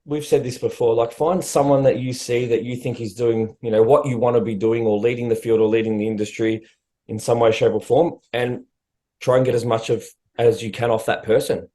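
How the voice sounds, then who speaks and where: A blunt man co-hosting a fitness coaching podcast, speaking quickly in a casual, loose chat. He swears offhandedly and keeps a medium pitch. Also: level tone, mellow. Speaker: prep coach podcast host.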